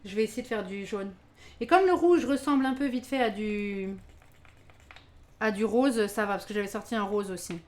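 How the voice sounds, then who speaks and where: A woman chats her way through a live baking stream, talking straight to her viewers. Her voice sits at an ordinary mid pitch, and her delivery is loose and exclamatory, sprinkled with frequent laughs. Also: moderate pace, darkish tone. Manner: chatty, exclamatory, laughs often, talks to chat. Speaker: live-stream cooking host. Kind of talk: casual live-stream chat while baking.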